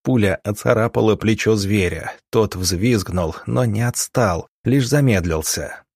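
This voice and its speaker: A man narrating an audiobook in a steady, dramatic storytelling manner. His voice sits low. The recording is dry and close, with no room sound. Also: measured pace, husky, no room sound. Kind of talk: scripted narration.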